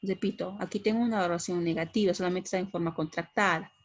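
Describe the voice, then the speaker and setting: A woman's voice: on the low side, steady tone, fast, highs cut off. A middle-aged woman giving an English grammar lesson, explaining patiently and checking in with frequent tag questions. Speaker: English teacher.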